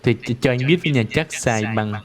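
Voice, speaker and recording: A man teaching English pronunciation in a live online lesson. He drills words slowly and repeats them many times. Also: medium pitch, a crowd in the background.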